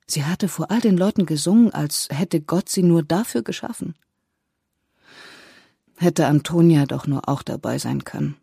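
A narrator reading a novel aloud in a calm, measured way, close to the mic. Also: mid-range voice, gravelly, slightly rough, no room sound. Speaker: audiobook narrator.

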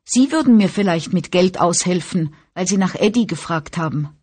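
A woman reading an audiobook, voicing a whiny, tearful young woman of eighteen who rushes her words while crying. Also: fairly low pitch, animated, a little mellow, slightly rough. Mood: whining, tearful. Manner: whining, sobbing, rushed. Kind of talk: audiobook character voice.

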